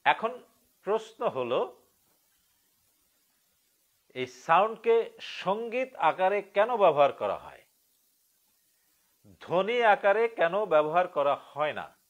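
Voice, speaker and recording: Meditation teacher guy from bangladesh, live lecture, slow and drawn out, pitch swings up and down a lot. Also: sing-song, highs cut off. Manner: slow and deliberate, drawing out key words, asking the listeners questions. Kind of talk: live-streamed spiritual lecture.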